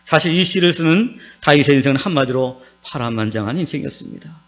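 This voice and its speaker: A man's voice: fairly high pitch, quick pace. A man with a Gyeongsang accent, a pastor preaching a sermon in a church and calling out to his congregation. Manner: lively preaching with calls to the congregation. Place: church sanctuary. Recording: dull recording with mains hum.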